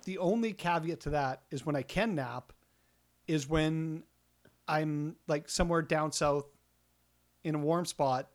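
Middle-aged male co-host, higher-pitched voice, rambling and self-mocking, casual chat. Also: unhurried, pauses often. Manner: rambling, self-deprecating, many restarts and ums. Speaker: podcast co-host.

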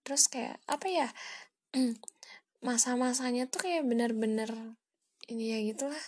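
A seventeen-year-old girl hosts a casual solo podcast from home. Her voice is a little high, and she rambles softly at a normal speed in a half-whisper, with lots of fillers.

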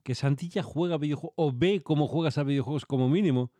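A man with a dark, mellow voice, asking short curious questions in a casual chat. The recording is dry and close. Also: on the high side, quick pace, dry recording. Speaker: podcast co-host. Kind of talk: casual chat among friends.

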